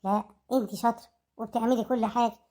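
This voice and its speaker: A woman playing a motherly older woman calmly advising a younger one, with an Egyptian accent. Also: fairly high pitch, quick pace, natural voice. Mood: soothing. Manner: soothing, advising.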